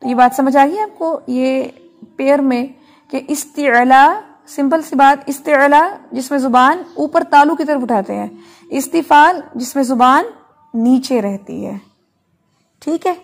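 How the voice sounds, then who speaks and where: A woman teaching an online Quran recitation class, slowly drilling letter sounds and checking in often with her students. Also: high voice. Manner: slow, patient, drills letters aloud with frequent check-ins. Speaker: Tajweed teacher.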